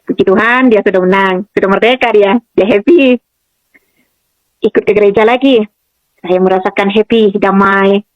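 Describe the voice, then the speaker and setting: A woman's voice: medium pitch, steady tone, moderate pace, pauses often, dry recording, dull audio. A woman from Madura giving a personal faith testimony, telling her story and often turning to listeners as "saudara". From Madura, Indonesia. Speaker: testimony speaker.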